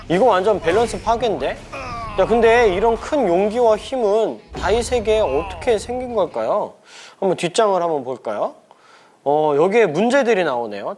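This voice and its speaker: Lively high-voiced man teaching kids. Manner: animated, questioning, playful exclamations. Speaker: church school teacher. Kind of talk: children's craft lesson.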